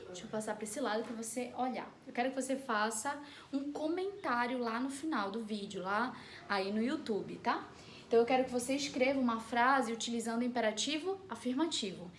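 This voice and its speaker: A woman's voice: fairly high pitch, slight background noise. A woman with a Brazilian accent teaching an online class, explaining step by step and often checking in with her students. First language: Portuguese. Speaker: Spanish teacher.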